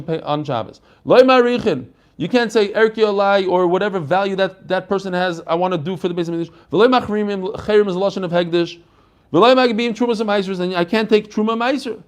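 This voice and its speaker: High-voiced man teaching Talmud. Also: fast talker. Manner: animated question-and-answer explaining, acting out dialogue; code-switching into Hebrew and Aramaic phrases. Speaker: rabbi teaching a daily Talmud class. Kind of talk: Talmud lesson, reading and explaining text.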